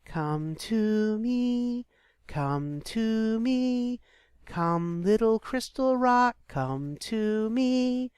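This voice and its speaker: A man voicing an eager young male creature with a tail, chanting in a sing-song way and crying out in excitement. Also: sits high, drawn-out words, hardly any pauses, no room sound, studio quality, voice pushed up, full character voice.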